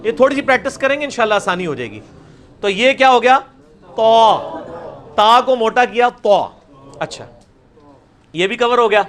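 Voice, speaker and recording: A man teaching a recitation class over a video call, repeating each sound slowly and loudly for his students. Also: extremely high pitch, big pitch swings.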